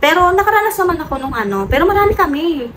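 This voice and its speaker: A woman from the Philippines chatting casually to her vlog viewers, telling stories with frequent laughs, her voice jumping up high when she gets excited. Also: very fast. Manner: animated storytelling, laughs often, voice jumps high when excited. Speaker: vlogger. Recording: noisy home room with electric fan.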